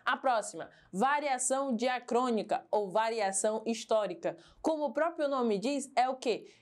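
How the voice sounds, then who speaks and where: Woman, teacher, televised lesson, fairly high pitch, explains step by step. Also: animated, moderate pace. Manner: explains step by step, asks and answers her own questions. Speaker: Portuguese teacher.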